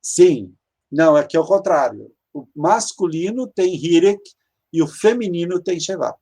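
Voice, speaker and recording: A Hebrew teacher giving an online grammar lesson. The teacher often stops to search for words and explains each step slowly. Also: mid-range voice, animated, warm tone, breathy edge. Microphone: video call.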